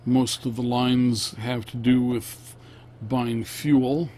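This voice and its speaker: A man narrating a casual vlog, unscripted, in a halting, plain-spoken way. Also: medium pitch, little pitch movement, dark tone, slight background noise. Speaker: vlogger.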